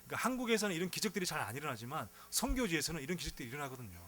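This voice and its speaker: Animated man preaching a sermon. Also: a little high, rapid-fire. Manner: animated storytelling with rhetorical questions. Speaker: pastor.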